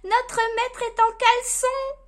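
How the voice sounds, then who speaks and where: A woman's voice: very high-pitched, flat delivery, slow, voice pushed up. A woman voicing a herd of greedy, tipsy reindeer in a children's storybook reading, in a giggly sing-song manner. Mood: giggling.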